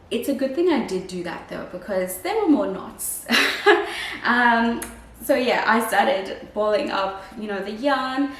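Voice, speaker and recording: A woman with a croaky, slightly under-the-weather voice, chatting casually and ramblingly to vlog viewers. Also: medium pitch, a bit bright. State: croaky voice from oncoming illness. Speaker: crochet vlogger. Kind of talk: casual chat to camera, vlog. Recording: roomy, distant mic, faint hiss.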